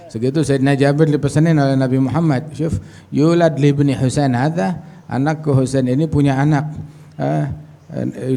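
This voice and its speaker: A man's voice: medium pitch, gravelly, warm tone. A man preaching and telling a story at a religious gathering. He recites Arabic phrases, explains them in casual everyday speech, and acts out the dialogue.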